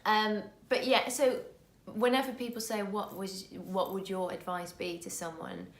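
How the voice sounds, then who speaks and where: A woman's voice: medium pitch, steady tone, unhurried. Woman, 30s, native Dutch, from the Netherlands; earnest casual vlog host, mid-range voice, roomy echo. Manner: earnest, restarts words often.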